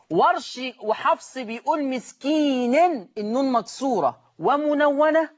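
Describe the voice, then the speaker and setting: Egyptian man teaching recitation, drawn-out words. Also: high-pitched, lo-fi sound. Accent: Egyptian Arabic. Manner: repeats each word slowly, drawing out the recited forms. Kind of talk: call-in recitation lesson.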